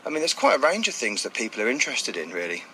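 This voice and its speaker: Male, mid pitch, bright tone, casual interview guest, explanatory, faint ambient noise. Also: wildly swooping pitch, rapid-fire, poor audio. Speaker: interview guest, blind cricket player.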